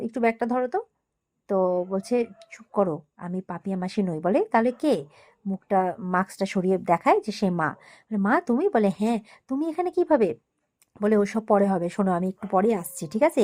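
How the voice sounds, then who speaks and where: A woman's voice: medium pitch, darkish tone. A woman retelling a TV serial episode in a casual way, acting out the dialogue in a raised voice. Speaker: serial recap narrator.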